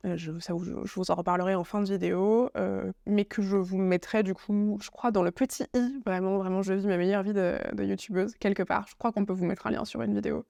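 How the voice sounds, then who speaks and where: A French-accented woman reviews a book as a YouTuber in a casual vlog, talking to the camera in her indoor home office with a bookshelf and laptop notes in front of her. Her medium-pitched, warm, creaky voice is steady in tone and fairly quick, with hardly any pauses. She is chatty, with many fillers, restarts, and playful asides, and the sound is studio quality with no echo.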